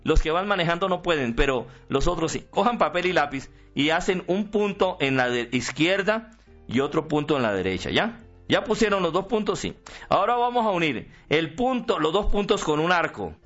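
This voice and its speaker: Priest guy giving a radio sermon, muffled sound, soft music under it, keeps asking "right?". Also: on the high side, moderate pace. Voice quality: animated teaching, rhetorical questions.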